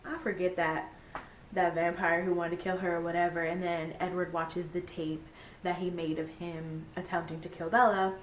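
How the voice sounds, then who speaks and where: A young woman talking casually about a book she read, gushing and animated, full of "like" and fillers. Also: moderate pace. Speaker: book vlogger. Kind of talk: casual book review chat. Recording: echoey room, faint rumble.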